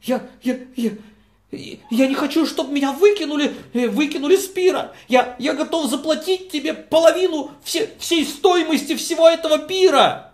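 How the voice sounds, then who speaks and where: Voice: normal speed, reverberant, lightly acted. Storyteller playing a stammering, pleading Bar Kamtza. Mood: begging. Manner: stammering, begging, voice rising higher. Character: pleading, humiliated man thrown from a feast.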